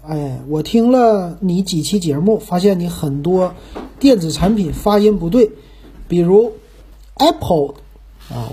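Chatty Northeastern Chinese man, husky. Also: high-pitched, mellow. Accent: Northeastern Mandarin. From Northeast China. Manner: chatty, folksy, musing aloud with rhetorical questions. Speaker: podcast host. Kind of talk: casual chat.

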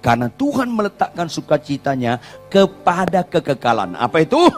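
A male pastor preaching a sermon, animated, swinging from shouts to near-whispers. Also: a little high, normal speed, soft background music.

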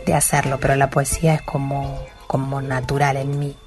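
Woman poet, low soft voice over music, reflective and hesitant. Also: little pitch movement, moderate pace. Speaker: poet guest. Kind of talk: recorded interview and poetry reading.

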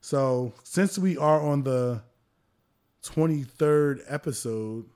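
A man from New co-hosting a casual podcast, hyping up basketball clips with loud bursts of excitement. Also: medium pitch, slow, clean tone. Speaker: podcast co-host. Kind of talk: casual chat.

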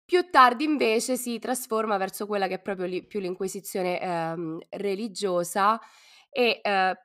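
A woman with a hoarse, cough-worn voice co-hosts a podcast, talking informally and playfully with plenty of slang. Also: medium pitch, unhurried, bright, forceful tone. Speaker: podcast co-host. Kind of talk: casual podcast talk.

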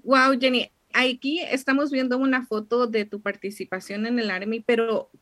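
A woman's voice: fairly high pitch, level tone, normal speed, a bit bright. A woman hosting a podcast interview, giving effusive, heartfelt introductions to her guest. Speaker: podcast host.

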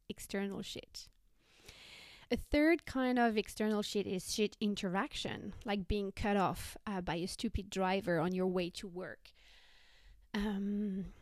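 A woman hosting a self-help podcast, talking conversationally in a measured, explanatory way. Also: medium pitch, a little mellow, no echo, clean studio sound. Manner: measured, explanatory, listing examples. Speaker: podcast host.

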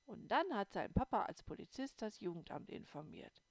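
A woman's voice: mid-range voice, big pitch swings, normal speed, gravelly, dry recording. A woman reader voicing a worried, clever young girl who explains things earnestly in an audiobook. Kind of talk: audiobook reading.

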